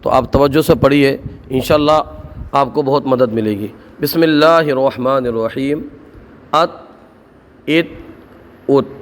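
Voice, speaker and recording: A man teaching Quran reading, patiently drilling short syllables one by one in a measured lesson. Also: medium pitch, big-room sound. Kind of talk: slow instructional recitation lesson.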